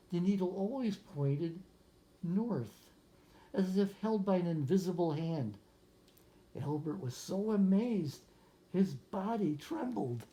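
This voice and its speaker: With a mid-range voice, a physicist reads a picture book aloud to young children, gently explaining things along the way and adding musing asides and questions.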